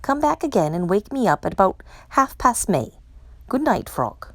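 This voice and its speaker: A woman voicing a grumpy, sleepy male toad in a children's storybook, in a grumbling, drawn-out way. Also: mid-range voice, big pitch swings, no echo. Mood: drowsy. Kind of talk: children's storybook read-aloud.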